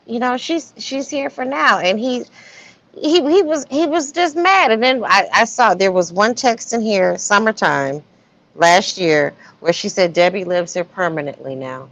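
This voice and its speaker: On a remote online livestream, a woman gossips in a sassy, colloquial way, tossing out plenty of rhetorical questions. Her medium-pitched voice is fairly bright and lively in intonation, at a measured pace, though the lo-fi stream audio sounds dull.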